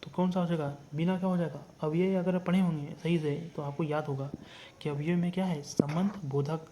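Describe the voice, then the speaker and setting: A man's voice: fairly high pitch, fairly even intonation, fairly quick, warm tone, slight background noise. A man teaching an exam class, thinking aloud and repeating answers as he asks the class. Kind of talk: explaining a mock test.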